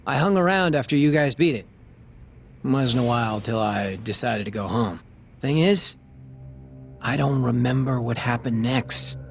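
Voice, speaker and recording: An actor plays a crooked, wisecracking cop detective with street smarts and a foul mouth for an English-language video game dub. His gravelly mid-range voice is expressive and a little slow, matter-of-fact yet irritated, with soft music in the background.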